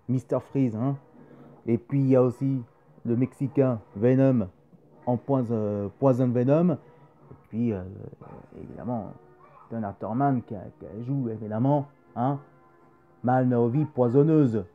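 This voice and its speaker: A man's voice: mid-range voice, a little slow, long pauses. A man hosting a casual video chat about comics and films, rambling with many fillers and repeating himself. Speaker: YouTube host. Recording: dull lo-fi sound with faint music.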